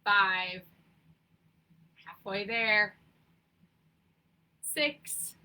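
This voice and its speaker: Young woman instructor, clear bright voice, slow counting, set back from the mic. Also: mid-range voice, far from the mic. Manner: counting reps aloud, upbeat coaching cues. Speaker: exercise instructor. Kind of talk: leading a seated workout class. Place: home, remote class. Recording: voice from away from the mic.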